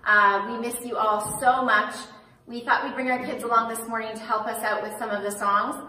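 Bright woman in a very echoey room. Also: a little high, flat delivery, normal speed. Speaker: children's ministry leader. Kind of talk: casual greeting to kids. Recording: very echoey room, far from mic.

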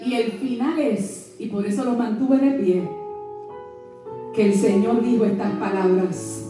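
A woman pastor preaching a sermon with humor and lively questions to the congregation. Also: on the high side, measured pace. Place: church. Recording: echoey church from far off, music behind.

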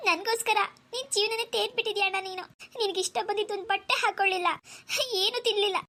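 A woman's voice: very high-pitched, fairly even intonation, fast talker, bright, forceful tone. A woman voicing a young woman in a cartoon, an emotional younger sister pleading through tears. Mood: tearful. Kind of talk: cartoon voice acting.

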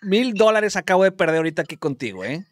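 A Mexican man hosting a live stream, calling followers and giving teasing, rapid play-by-play commentary. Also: high voice, big pitch swings, dry recording, clean studio sound. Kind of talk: lively live-stream phone game commentary.

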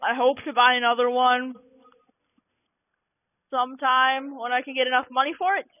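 A young-sounding gaming channel host giving casual, rambling let's-play commentary with many fillers, recorded on a cheap low-quality microphone. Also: steady tone, moderate pace, dry recording. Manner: rambling, self-conscious, lots of fillers. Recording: tinny lo-fi cheap mic.

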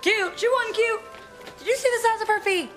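A woman's voice: fairly high pitch, animated, natural voice. Actress playing a bubbly teasing teen girl. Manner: bubbly, quick, teasing, often laughing. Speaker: sitcom lead. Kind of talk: sitcom acting. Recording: TV sitcom with laugh track and music. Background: studio audience laughter and music.

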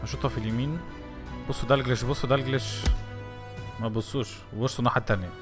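A young man with an Egyptian accent, commentating his own football video game play in lively, teasing outbursts. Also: mid-range voice, racing, music in the background. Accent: Egyptian Arabic. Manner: animated, shouting at the game, teasing. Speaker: gaming YouTuber. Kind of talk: excited gameplay commentary.

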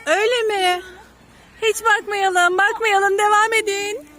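A woman's voice: very high voice, little pitch movement, slow pace, sharp tone, soft background music. A woman teacher walking her class outdoors, asking the children questions as they go. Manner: talking while walking, tired. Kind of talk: guiding a class on a nature walk. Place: outdoors on a street and in gardens. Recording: children chattering around, outdoors.

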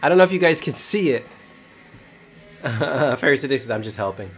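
A man's voice: mid-range voice, animated, moderate pace, breathy edge. A man from Brooklyn streams a pinball table live, cracking jokes, laughing often and greeting his viewers by name. His voice leaps up and down with a lot of swing, and he sounds a little tipsy. Faint game music plays underneath. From Brooklyn, New York. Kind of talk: casual live-stream commentary.

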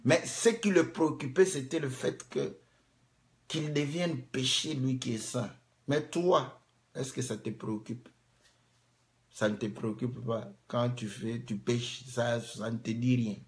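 A man preaching a sermon, rising to loud emphatic peaks, acting out cries of pain and asking the congregation rhetorical questions. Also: mid-range voice, a little slow. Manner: acts out cries of pain to make a point; asks the audience rhetorical questions.

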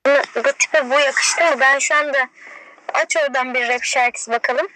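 A woman's voice: sits high, steady tone, normal speed, sharp tone. A woman in her twenties chatting casually with viewers as a live streamer. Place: inside a parked car at night. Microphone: phone at arm's length. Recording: noisy phone live-stream audio.

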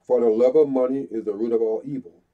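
A middle-aged Bible teacher with a stuffy nose reads scripture slowly and deliberately, pausing between phrases in a mid-range voice. He's filmed head and shoulders by a fixed camera in a small room before a brick wall, and the sound is dull and lo-fi.

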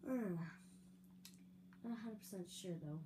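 A young woman who makes gaming videos gives casual let's-play commentary on a building game, chatty and rambling, with giggles and fillers. Her mid-range, dark-toned voice moves at a measured pace, slightly raspy, and she clears her throat. An audible hum sits behind her voice.

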